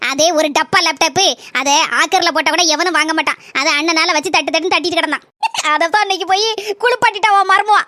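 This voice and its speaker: A woman's voice: very high voice, pushed and bright, no room sound, studio quality. A woman voicing a scheming village mother-in-law. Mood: scandalized. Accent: Kanyakumari Tamil. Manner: fast, scolding, conspiratorial.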